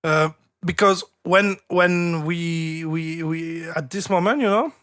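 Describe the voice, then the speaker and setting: A man hosting a live track review stream, speaking halting full of "you know" fillers. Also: fairly high pitch, a bit bright, smooth, no echo, clean studio sound, faint music behind. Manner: halting, non-native grammar, many "you know" fillers.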